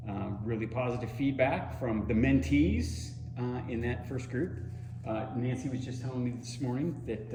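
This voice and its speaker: Casual upbeat man in an echoey hall. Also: medium pitch. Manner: casual, upbeat, acts out little quotes. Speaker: group leader. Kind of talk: informal welcome talk. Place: indoor room at a group gathering. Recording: echoey hall, long reverb, loud noise.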